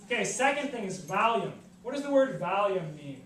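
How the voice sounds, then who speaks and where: A woman's voice: medium pitch, sing-song, normal speed. Upbeat woman teaching a chemistry class. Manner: upbeat, questioning, coaxing students. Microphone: camera across the room. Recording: echoey classroom, distant camera, noisy.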